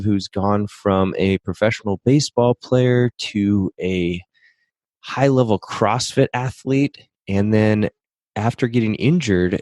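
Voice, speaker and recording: Low-voiced upbeat podcast host. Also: male voice, a little mellow, no echo. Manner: upbeat, friendly, with "man" fillers. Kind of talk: podcast interview.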